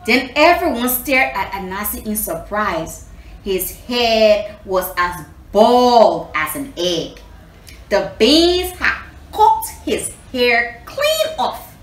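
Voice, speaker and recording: A Liberian woman hosts a children's storytelling session, reading a story and teaching a lesson in a teacherly way, repeating herself and asking her listeners questions. Her voice is a little high and very animated, and she takes it slowly. The room echoes, and background noise is clearly audible.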